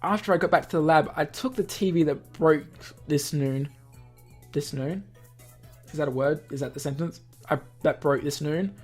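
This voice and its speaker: A let's player reads a visual novel aloud, stumbling over lines and adding casual explanatory asides. His voice is fairly high-pitched and moderately paced, with faint music behind it.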